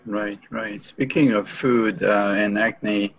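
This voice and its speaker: A low-pitched man's voice on dull, lo-fi audio. He co-hosts a podcast interview and asks his questions haltingly, with lots of ums and restarts. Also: fairly even intonation, creaky, husky. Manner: halting, many fillers and restarts. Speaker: podcast co-host. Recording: lo-fi muffled sound.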